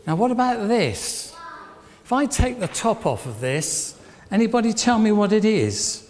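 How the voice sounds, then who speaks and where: Very animated yet measured in pace, this older man has a high-pitched, darkish voice. He leads an all-age church service interactively, asking the congregation questions and repeating their answers approvingly, in an echoey hall with faint background noise.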